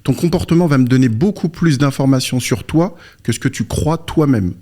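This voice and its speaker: Speaking at a moderate pace in a warm, medium-pitched voice, a coach guesting on an interview explains things casually. He tells personal stories and poses rhetorical questions; he was born in Morocco and came to France aged three or four.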